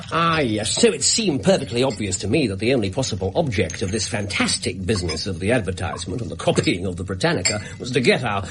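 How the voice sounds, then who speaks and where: In a British radio drama, an actor plays a brilliant but bored English gentleman detective, theatrical, precise and self-assured, with light acting. His voice is mid-range, and there's noise in the background.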